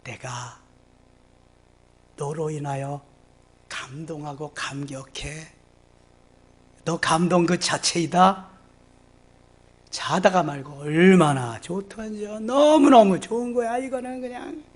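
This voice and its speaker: A middle-aged man preaching a sermon as pastor, acting out little dialogues in a lowered voice and swinging between soft murmurs and excited bursts. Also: slow, pauses often. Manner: animated, acts out dialogues with God in lowered voice.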